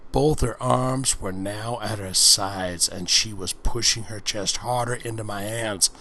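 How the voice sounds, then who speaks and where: Hosting a casual ASMR-style reading of an erotic book, this man speaks in a lowish, pushed and bright voice at a measured pace. He keeps interrupting the text with crude, slangy, folksy commentary.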